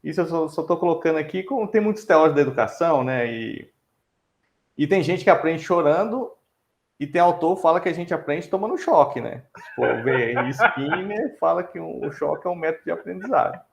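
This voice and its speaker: A man with a Brazilian Portuguese accent, an examiner giving critical feedback at a thesis defense, speaking in a measured way full of tag questions and fillers. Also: fairly high pitch, animated, creaky. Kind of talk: academic critique.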